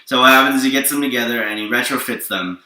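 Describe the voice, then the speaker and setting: A man with a mid-range, bright and forceful voice talks quickly, rambling through an improvised, casual explanation of a superhero story he created, often checking that his listener is following. The recording sounds distant from the mic, with a roomy echo.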